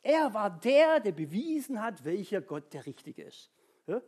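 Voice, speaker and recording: A husky-voiced preacher gives an informal sermon. The pitch swings widely as the story is told with little sighs and sound effects. Nearly every sentence ends in a questioning "ja?" aimed at the congregation. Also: big pitch swings, unhurried, darkish tone.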